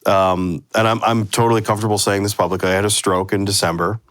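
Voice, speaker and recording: A man from Minnesota with a fairly low voice, chatting as a podcast guest. He tells his stories in a dry, relaxed way, with easy pauses and fillers. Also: no room sound. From Minnesota, USA. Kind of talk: casual chat.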